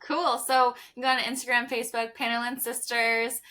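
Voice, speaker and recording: A woman's voice: fairly high pitch, level tone, fairly quick, pushed and bright. A woman from Northern Pennsylvania with a rural country twang, chatting casually as an interview guest. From Northern Pennsylvania, USA. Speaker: guest, dairy farm business co-founder.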